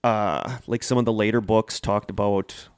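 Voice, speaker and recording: This middle-aged podcast co-host tells stories casually, enthusiastic and prone to rambling. His lowish voice is clear and resonant at a normal speed, captured in clean studio sound with no room echo.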